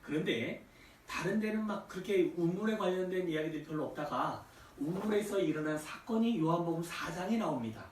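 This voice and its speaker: A male pastor giving a conversational sermon, often asking the congregation rhetorical questions. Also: on the high side. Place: church sanctuary. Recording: echoey church, distant from mic.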